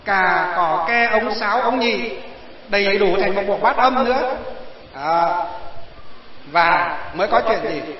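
High-voiced preacher in an echoey hall. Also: male voice, a little slow, pauses often. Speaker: Buddhist preacher. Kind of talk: sermon to villagers. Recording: echoey hall, dull lo-fi sound.

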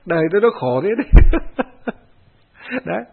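A male Buddhist monk telling an anecdote in a sermon, animated and speaking directly to his audience. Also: high voice, normal speed, vocal fry, slightly rough. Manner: animated storyteller who laughs along and addresses the audience. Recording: tinny phone-like audio.

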